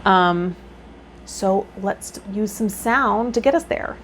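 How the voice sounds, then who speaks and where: A woman speaks slowly in a medium pitch on a rough recording with noticeable background noise. As host of a tarot vlog series and a healer, she reads the cards' meanings aloud and adds her own casual commentary.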